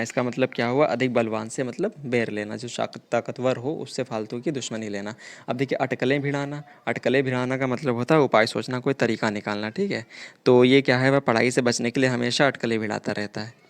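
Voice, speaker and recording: A man with a medium-pitched, steady voice teaches a fairly quick grammar lesson for exam preparation, explaining correct spellings and idioms. He is repetitive and explanatory, often repeating himself and constantly saying "dekhiye" and "theek hai."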